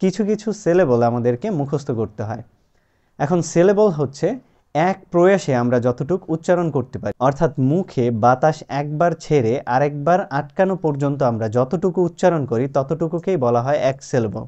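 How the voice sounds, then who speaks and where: A man teaching a spoken lesson, explaining step by step and patiently repeating example words slowly and clearly. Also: fairly high pitch, lively intonation, mellow. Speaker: English teacher. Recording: dull lo-fi sound.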